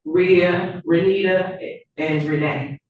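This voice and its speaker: A woman's voice: fairly low pitch, steady tone, slow, a little hiss or hum. A woman giving formal testimony as a witness in brief, reserved answers. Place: indoor courtroom witness box. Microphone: courtroom microphone. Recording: very echoey room, distant dull mic.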